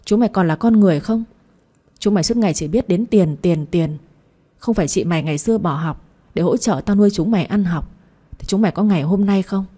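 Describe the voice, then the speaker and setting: A woman voicing an older mother who shouts at her grown children and protects her eldest daughter. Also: on the low side, a little fast, breathy edge. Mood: furious. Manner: shouting scolds. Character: middle-aged Vietnamese mother, fiercely protective, scolding.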